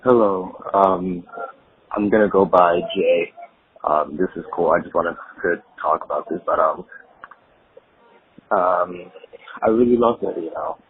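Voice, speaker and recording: A man with a very deep voice leaves a halting, hesitant voicemail. The sound is tinny like a phone line. A faint hiss runs behind him. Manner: halting and hesitant, many ums. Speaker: caller leaving a voicemail. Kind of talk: emotional personal voicemail.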